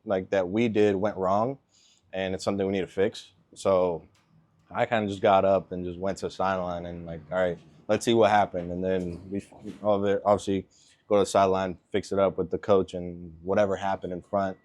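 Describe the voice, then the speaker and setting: A man in his twenties, born in Venezuela and raised in Miami, answering interview questions as an NFL kicker in a relaxed way, with lots of filler words. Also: low voice, fairly quick. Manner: laid-back, lots of ums and likes.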